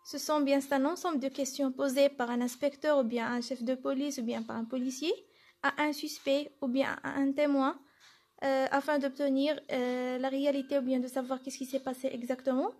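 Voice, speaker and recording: A woman's voice: high-pitched, darkish tone. A woman teacher giving a lesson, explaining step by step and answering her own questions. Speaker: French teacher. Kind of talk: classroom lesson.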